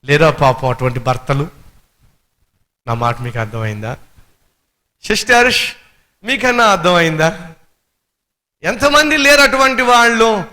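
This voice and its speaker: A man with a Telugu accent preaching a sermon as a pastor, animated, with rhetorical questions and acted-out quotes. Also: high voice, a little slow, long pauses.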